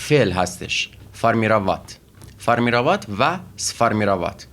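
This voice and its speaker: A man teaching Russian vocabulary and grammar in a methodical way, pausing often with fillers as he explains each word. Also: mid-range voice, fairly bright tone. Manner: methodical, with frequent pauses and fillers.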